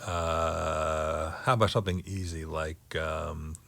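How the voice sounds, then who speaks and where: A man giving a physics lecture on orbits, working through figures slowly and thinking aloud with many pauses. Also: extremely low pitch, flat delivery, vocal fry, fairly bright tone, no room sound. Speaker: teacher.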